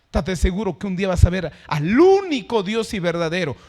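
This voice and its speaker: A man preaching a sermon in a notably high voice. He drags out key words for emphasis and moves between forceful declarations and quiet, hushed asides. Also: sing-song, a little fast. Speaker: pastor.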